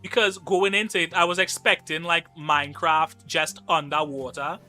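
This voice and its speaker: Streaming a game live, this young man from Trinidad and Tobago jokes around and reads viewers' messages aloud in his Trinidadian accent. He speaks at a normal speed in a fairly high, level voice with a sharp edge, over soft background music.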